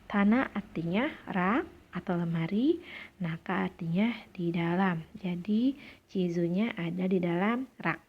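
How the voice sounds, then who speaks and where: A woman's voice: fairly low pitch, measured pace, dull audio. A woman teaching Japanese to students in a recorded lesson, with an Indonesian accent, explaining patiently and reading out short dialogues. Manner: clear, patient explanations with acted dialogue lines.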